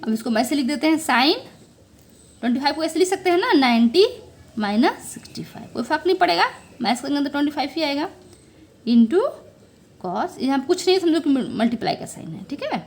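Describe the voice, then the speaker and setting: A woman teaching maths with a high voice that rises and falls a lot. She coaxes her young students through each step and keeps checking that they follow. Her delivery is patient and methodical, like a classroom explanation. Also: animated, fairly quick. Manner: coaxing, checks understanding with frequent "okay"; addresses viewers as children.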